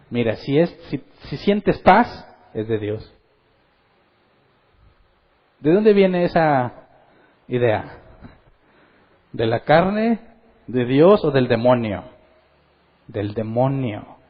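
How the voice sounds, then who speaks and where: A man gives a Bible teaching in a sermon style. His voice is husky, at an ordinary pitch for a man. He often questions his listeners and acts out quotes, and the recording sounds a little dull and lo-fi. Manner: animated, asks the audience questions and acts out quotes. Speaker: pastor teaching a Bible study.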